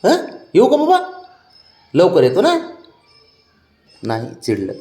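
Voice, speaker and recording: A man's voice: high-pitched, wildly swooping pitch, takes it slowly, mellow, echoey room. Man coaxing his cat in sing-song baby talk. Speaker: cat owner. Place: home, indoors.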